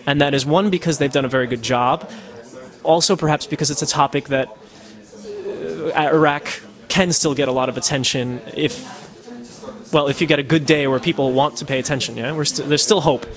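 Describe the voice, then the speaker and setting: In the Netherlands, a podcaster and citizen journalist from the United States fields interview questions in a relaxed, reflective manner, often restarting and using many fillers. His voice is a little high and his pace moderate.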